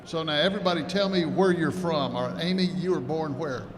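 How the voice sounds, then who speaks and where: A man's voice: on the high side, a little fast. A man hosting a conference interview, chatty and joking. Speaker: host. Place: conference hall, indoors. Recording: noisy reverberant hall.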